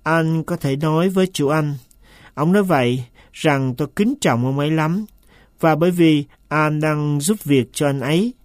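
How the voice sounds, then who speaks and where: A man's voice: on the high side, normal speed, no room sound, studio quality, lightly acted. A man reading a stubborn, sulky manservant. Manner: stubborn, insistent denials. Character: sullen, evasive male manservant.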